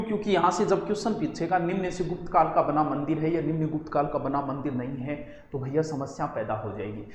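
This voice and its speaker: Animated high-voiced male teacher. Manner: animated, asks and answers his own questions. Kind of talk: exam-prep lecture. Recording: echoey room with long reverb.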